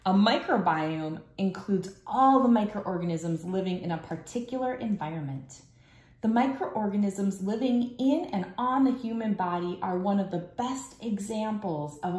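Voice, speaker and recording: A woman in her thirties reads a picture book aloud indoors in a small room at home that is noticeably echoey. Her pitch is average for a woman and a little mellow, and she paces it in a measured way, like storytime for kids.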